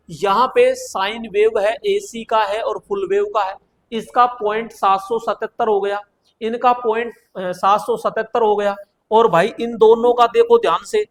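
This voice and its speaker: A man's voice: high voice, fairly bright tone. A man teaching an exam-prep class. He is chatty, asks questions and answers them himself, and repeats phrases for emphasis. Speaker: coaching teacher.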